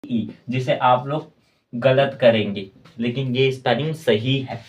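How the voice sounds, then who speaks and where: A man giving a spoken tutorial as an English teacher, slowly spelling out words letter by letter and repeating his points. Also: medium pitch, fairly even intonation, muffled recording.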